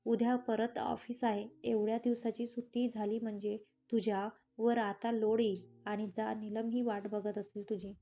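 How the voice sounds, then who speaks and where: A woman's voice: on the high side, flat delivery, moderate pace, hardly any pauses, mellow. A woman voicing a playful, affectionate young woman in a romantic audio story.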